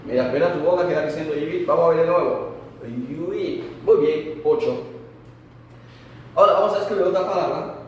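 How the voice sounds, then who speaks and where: A man's voice: on the high side, normal speed, darkish tone, very echoey, in a large hall, distant mic, dull audio, a little hiss or hum. A man teaching a language lesson, patiently saying words and asking the learner to repeat after him.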